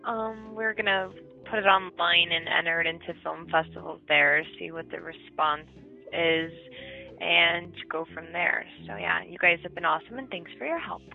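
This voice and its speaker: Hesitant woman guest, gravelly, phone-thin. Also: on the low side, steady tone, normal speed, narrow, tinny audio, soft background music. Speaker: guest filmmaker. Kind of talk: casual interview chat.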